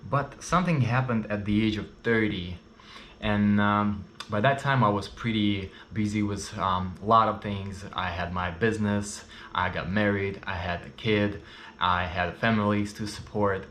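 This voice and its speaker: Speaking unhurriedly in a low, slightly bright voice, this vlogger shares his own story with the camera, candid and chatty with lots of fillers. He's in his thirties, speaks English as a second language with a Russian and Ukrainian accent, and the recording has a roomy echo and a little hiss or hum.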